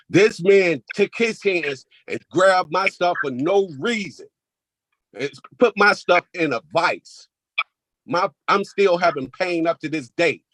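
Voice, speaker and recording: A man speaks to a court over a video call, his voice sitting fairly high. He is heated and emphatic and keeps repeating himself. The sound is dry, with no room around it. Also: sharp tone, no room sound, low-quality recording. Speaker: crime victim giving a statement. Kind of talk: courtroom victim impact statement.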